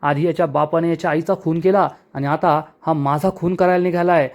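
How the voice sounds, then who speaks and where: A man voicing a loud, taunting middle-aged village man who keeps shouting accusations, in a spoken recap of a TV serial. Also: a little high, steady tone, fairly quick, lightly acted.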